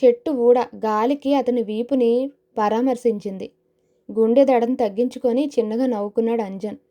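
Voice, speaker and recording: A woman narrating a horror suspense audio novel in a steady, dramatic storytelling manner. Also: fairly high pitch, moderate pace.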